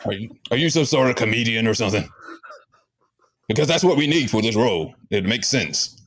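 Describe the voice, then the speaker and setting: A man's voice: mid-range voice, lively intonation, fairly quick, fairly bright tone, husky. A man hosting a comedy show, rambling and teasing as a sleazy casting director in an improv sketch. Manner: rambling, teasing, laughs often. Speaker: host playing a casting director.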